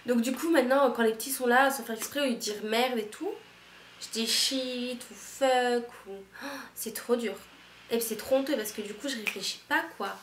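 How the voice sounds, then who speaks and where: A young woman from France talks casually to camera, rambling and slangy, often restarting her sentences. Her voice sits a little high. The room is echoey, with a faint hum behind her. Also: moderate pace. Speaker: au pair vlogger.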